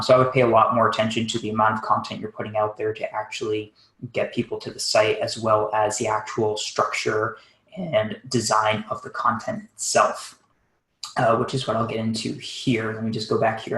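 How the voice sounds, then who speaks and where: A man with a low, fairly monotone voice walks through a website audit live on a video call. He talks quickly and casually, thinking aloud with frequent ums. The sound is roomy, with noticeable echo. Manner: fast, casual, thinking aloud with many fillers. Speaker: SEO consultant. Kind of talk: live webinar screen-share audit.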